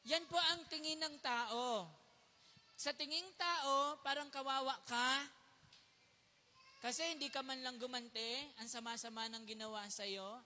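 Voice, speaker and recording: A man's voice: very high voice, bright, forceful tone. A man from the Philippines preaching to his congregation. He tells a personal story, keeps checking with his listeners and mixes English phrases into his talk. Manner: conversational preaching that often questions the congregation. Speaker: pastor. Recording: long hall reverb.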